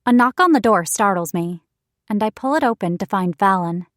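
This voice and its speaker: A woman's voice: mid-range voice, lively intonation, normal speed, no echo, studio quality. Woman narrating a wry first-person romance audiobook.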